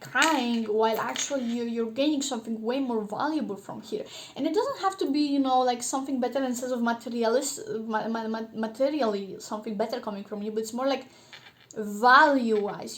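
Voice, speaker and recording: A woman giving a casual tarot reading, rambling with many fillers and restarts. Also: on the high side. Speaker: tarot reader.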